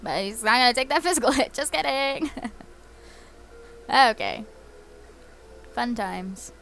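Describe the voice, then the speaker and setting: A woman's voice: a little high, animated, measured pace, fairly bright tone, faint music behind. Giggly, chatty woman commenting on her gameplay. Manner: chatty and giggly, lots of fillers. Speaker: let's play host. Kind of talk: casual game commentary.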